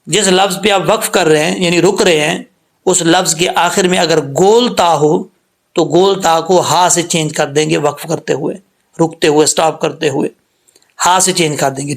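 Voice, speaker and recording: A man with a fairly high voice teaches the rules of Quran recitation step by step. He is patient and repeats himself often, and he stretches out slow, sung demonstrations of single sounds. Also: fairly bright tone. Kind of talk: tajweed lesson, explaining and demonstrating letter sounds.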